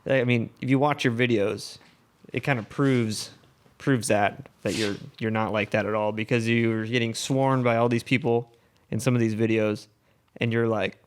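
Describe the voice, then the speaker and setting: A man's voice: medium pitch, steady tone, normal speed, clean tone. A man hosting a podcast, asking easygoing questions in a casual interview. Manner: easygoing, brief agreements. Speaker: podcast host.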